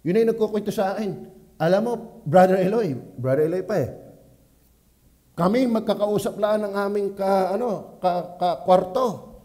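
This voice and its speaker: A man with a Batangas accent, a pastor preaching at a church prayer meeting, swinging from quiet asides to loud exclamations. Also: sits high, normal speed. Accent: Filipino, Batangas.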